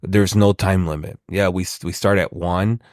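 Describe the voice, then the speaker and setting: A man from a sales team speaks with earnest pride and leans on his key points. His voice is very deep, and the recording is dry and close. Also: fairly even intonation, normal speed, a little mellow, no echo. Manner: earnest, proud, emphatic. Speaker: inside sales team member. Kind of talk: casual chat.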